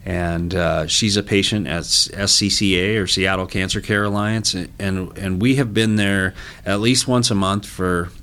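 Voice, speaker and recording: A man speaking as an interview guest, a business executive talking earnestly and haltingly with frequent restarts. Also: sits low, fairly even intonation, fairly bright tone, clear, resonant tone. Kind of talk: interview talk.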